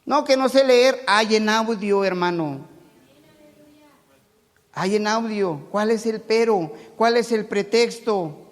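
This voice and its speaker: A man from Mexico City with a Mexico City Spanish accent, preaching a sermon and moving between loud preaching and quiet conversational asides. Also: high voice, slow, long reverb tail. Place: church hall.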